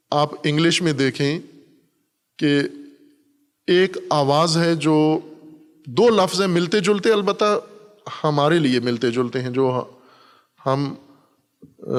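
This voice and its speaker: In a large hall, a man with a fairly high-pitched voice teaches an Urdu Quran commentary lesson. He explains patiently, repeating examples to make his points.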